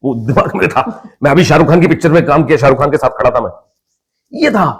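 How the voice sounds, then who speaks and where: A man's voice: on the high side, quick pace, slightly rough. Indian man telling his story. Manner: lively storyteller who acts out family members' voices. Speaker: podcast guest, actor. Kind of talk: casual storytelling in a podcast interview.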